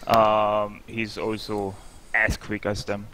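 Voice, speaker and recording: A man from Austria, speaking, co-commentating a sim race in an unhurried, hesitant way full of ums. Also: fairly low pitch, monotone, pushed and bright.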